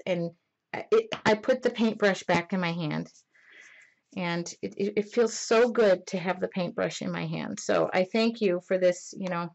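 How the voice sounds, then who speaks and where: A woman hosting a live-streamed mixed media painting lesson, chatty and excitable, rambling and often talking loudly. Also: lowish voice, creaky, muffled recording. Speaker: mixed media art instructor.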